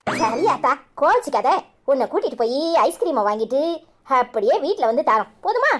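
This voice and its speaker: A woman's voice: sits high, sing-song, a little fast. A woman voicing a fond, teasing old village grandmother with a Kanyakumari Tamil accent in a cartoon. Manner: teasing, scolding-affectionate.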